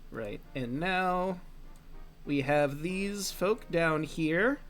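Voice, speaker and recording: Easygoing male game master, fairly high voice. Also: very slow, fairly bright tone, faint music behind. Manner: easygoing, laughs often, narrates dice rolls. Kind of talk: running a tabletop game over voice chat.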